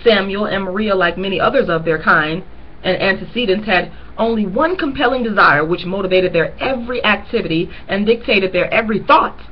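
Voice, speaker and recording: The mid-range voice of a woman comes through with the highs cut off and a bit of background noise. She is reading a novel aloud chapter by chapter, earnestly pausing at times to draw her listeners' attention to key lines and share personal comments.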